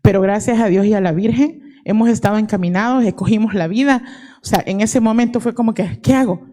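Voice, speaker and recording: With a warm tone at medium pitch and a slightly fast pace, a woman in her forties delivers an earnest testimony as an audience member in a conference hall, dropping English terms into her Spanish.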